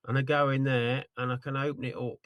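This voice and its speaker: A man's voice: mid-range voice, flat delivery, fast talker, fairly bright tone, dry recording. A man demonstrating a tool over a video call, talking in a rambling, apologetic way while he searches his screen. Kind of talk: casual screen-share demo on a video call.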